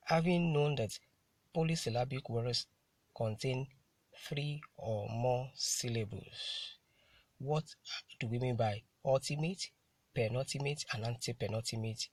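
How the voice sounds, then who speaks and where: A male teacher gives a lecture at an unhurried, measured pace. His voice is a little husky and sounds close and dry. He repeats key words and poses questions to his class before answering them. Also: mid-range voice, fairly bright tone, no echo. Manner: deliberate, repeats key terms and asks rhetorical questions. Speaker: English teacher.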